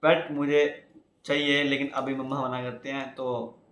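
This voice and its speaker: A man's voice: medium pitch, flat delivery, unhurried, a bit bright, reverberant. A young man from India talking casually to his viewers, rambling and chatty, often calling them guys. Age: young adult. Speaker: YouTuber. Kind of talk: casual vlog talk.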